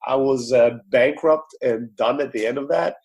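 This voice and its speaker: A man with a husky, slightly rough voice and a middling pitch talks energetically as a podcast guest. His talk flows quickly with frequent fillers and restarts, heard over a remote call. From Greece. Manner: fast, energetic storytelling with many fillers. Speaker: startup CEO guest. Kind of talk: podcast interview.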